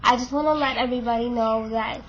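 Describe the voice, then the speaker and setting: A twenty-something vlogger with a stuffed-up nose and a fading voice talks quickly and frankly to camera, using many fillers. Her voice is a little high with fairly even intonation. The muffled recording has slight background noise.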